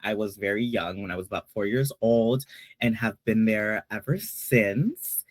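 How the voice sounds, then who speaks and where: A man's voice: on the low side, animated, measured pace, no room sound. A man from Peru moderating a casual online panel, playful and chatty with lots of fillers.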